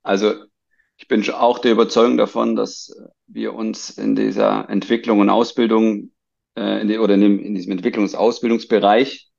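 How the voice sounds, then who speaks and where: A man hosts a conversational podcast interview in a gravelly voice that sits on the low side. He often stops and rephrases his sentences mid-thought, and the recording sounds dull and lo-fi. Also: flat delivery, moderate pace, darkish tone. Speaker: podcast host.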